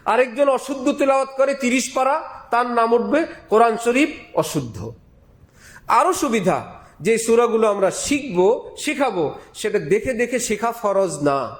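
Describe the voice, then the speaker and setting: A male preacher giving a sermon, emphatic, repeating key phrases and asking rhetorical questions. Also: very high voice. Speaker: Islamic preacher. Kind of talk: Bengali waz sermon.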